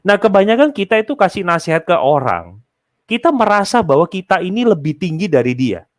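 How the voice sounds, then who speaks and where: A man's voice: high-pitched, sing-song, a little fast, no echo, clean studio sound. A man, giving casual, explanatory advice to an audience he addresses directly. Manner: explanatory, addresses listeners as Bapak Ibu. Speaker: speaker answering a host's question.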